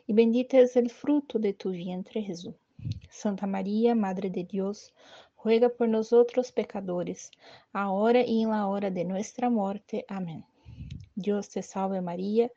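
Dark-voiced woman leading recited prayers. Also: medium pitch, dull audio. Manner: measured, steady recitation with a human slip. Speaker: prayer leader. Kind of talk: guided devotional prayer recitation.

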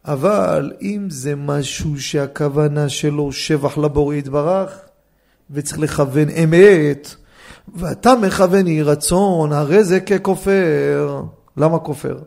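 Lecturing on Torah law to a study hall class, this rabbi speaks in a high, gravelly male voice. He stays animated, peppering listeners with rhetorical questions.

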